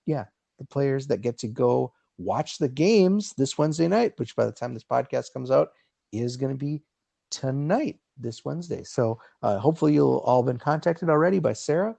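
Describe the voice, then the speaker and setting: This podcast host runs a casual soccer show, reading out results and introducing a guest in a loose, jokey, somewhat crude manner. His medium-pitched voice is gravelly and dark in tone, animated, at a moderate pace, on a dry recording.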